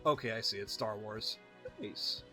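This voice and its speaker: A man's voice: lowish voice, measured pace, bright, forceful tone, soft background music. A man giving casual, joking commentary while playing a video game. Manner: chatty, joking, reads game lines aloud in silly voices. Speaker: gameplay streamer. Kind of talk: casual let's-play commentary.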